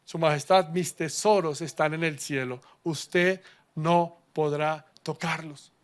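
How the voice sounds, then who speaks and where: Pastor doing a serene unshaken prisoner of faith, talks slow and soft. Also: male voice, a little high, steady tone.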